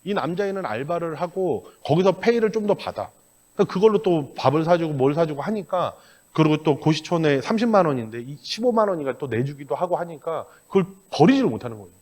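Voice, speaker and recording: Lively, blunt Korean-speaking pastor preaching. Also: male voice, fairly high pitch, fast talker. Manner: animated storytelling with acted-out dialogue; colloquial and blunt. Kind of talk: sermon. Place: church sanctuary.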